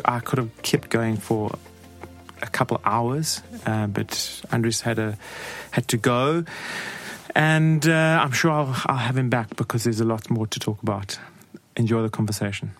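A man speaking informally and a little haltingly as a podcast host and interviewer. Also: medium pitch, soft background music. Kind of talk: casual podcast talk. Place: podcast studio.

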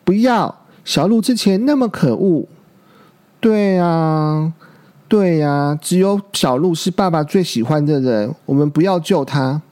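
A man's voice: a little high, a little slow, dark tone, lightly acted. A man voicing a group of sulky, indignant baby ankylosaurs in a storybook. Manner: indignant, protesting.

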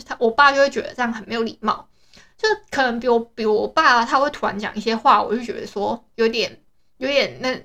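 A woman's voice: on the high side, bright, forceful tone. A young woman with a Taiwanese Mandarin accent chatting casually in a rambling diary style, with many restarts and fillers. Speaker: podcast host.

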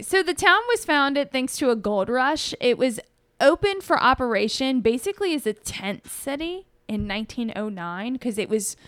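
A woman's voice: fairly high pitch, smooth, no echo. A woman co-hosting a podcast, telling a story in a rambling, chatty way and often correcting herself. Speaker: podcast co-host. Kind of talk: casual storytelling chat.

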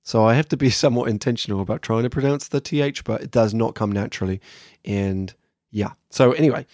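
A man's voice: medium pitch, fast talker, a little mellow, no room sound, studio quality. A man from England with an English accent, talking casually and candidly as a solo podcast host reflecting on his work. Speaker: podcast host, workshop trainer.

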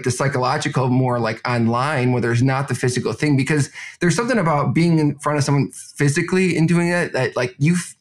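A man in his thirties in a casual podcast conversation, talking in a loose, rambling way and laughing easily. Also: medium pitch. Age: 30s. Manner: rambling, many fillers and restarts, laughs easily.

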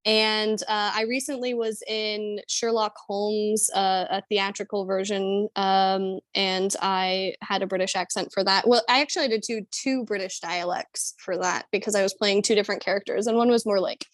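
A woman's voice: mid-range voice, fairly even intonation, normal speed, no room sound. A young adult woman, an actor, talking casually about her craft, full of "um" and "like". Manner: chatty, many fillers like "um" and "like". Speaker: actor and guest. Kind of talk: casual interview chat.

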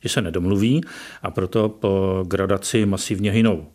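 A man, a professor being interviewed, who explains his views in a measured way and often pauses with hesitant fillers. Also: sits low, fairly even intonation, a little mellow. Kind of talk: radio interview, opinionated explanation.

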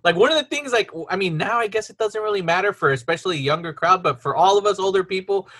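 Bright high-voiced man hosting a chat. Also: fast. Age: 30s. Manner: chatty, laughs easily, loose filler-heavy talk. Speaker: podcast host. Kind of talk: casual chat.

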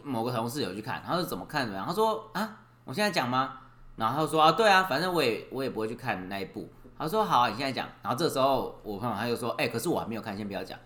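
A man's voice: mid-range voice, big pitch swings, very fast, bright, forceful tone. A man co-hosting a casual podcast, telling stories in a rambling way with restarts. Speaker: podcast co-host. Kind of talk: casual storytelling chat.

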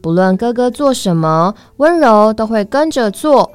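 A woman reading a children's story aloud in an expressive, sing-song storytelling manner. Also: a little high, a little slow, clear, resonant tone, dry recording. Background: faint music.

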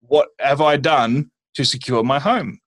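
An Australian man with a mid-range voice speaks plainly and bluntly. His delivery is matter-of-fact, with a dry sense of humor. He sounds like a guest in a relaxed conversation. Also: medium pitch, unhurried. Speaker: guest, violence management specialist. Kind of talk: casual conversation.

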